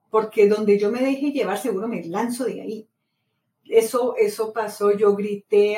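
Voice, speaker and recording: A middle-aged woman, a podcast host from Latin America, talks casually and with lots of feeling, repeats herself often and keeps telling stories. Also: medium pitch. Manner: animated storytelling, many repetitions. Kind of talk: casual motivational monologue. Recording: roomy echo, mic set far off, faint ambient noise.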